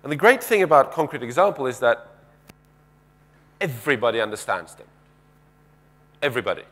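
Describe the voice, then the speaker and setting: Fairly quick and very animated, a man in his thirties gives a keynote in a mid-range, slightly bright voice. He's on a large conference stage with a headset mic, pacing and gesturing, chatting conversationally with audience questions and frequent sentence restarts.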